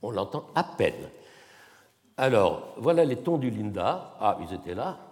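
A man giving an academic lecture at a symposium, measured and explanatory, sometimes sounding out tones with his voice. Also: fairly low pitch, big pitch swings, darkish tone. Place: lecture hall. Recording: long reverb in a hall.

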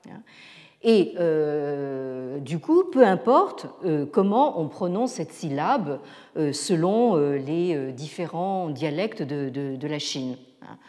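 Halting woman lecturing in a reverberant hall. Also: lowish voice, darkish tone. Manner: halting, many fillers and restarts. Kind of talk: academic lecture.

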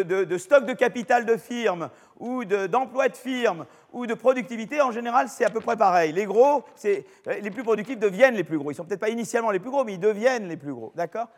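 An older French-accented man teaches a university class, with a fairly high voice for a man. He talks in a loose, chatty way and often restarts his sentences with fillers. A long hall reverb trails after his voice. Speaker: professor lecturing. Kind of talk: university lecture. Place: lecture hall.

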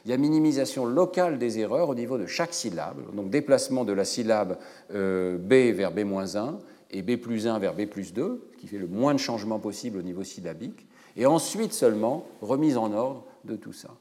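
Lecturer, man, low-ish voice, hesitant explanatory delivery, long hall reverb. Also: lively intonation, fairly quick, dark tone. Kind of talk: academic lecture.

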